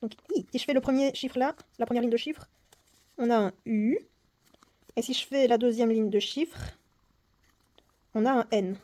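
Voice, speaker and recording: A woman's voice: fairly high pitch, moderate pace, long pauses, a little mellow. A woman solving a puzzle game on camera, thinking aloud, counting under her breath and mocking herself. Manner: mutters numbers to herself, often dropping to a whisper. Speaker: board game vlogger. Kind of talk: casual puzzle-solving vlog.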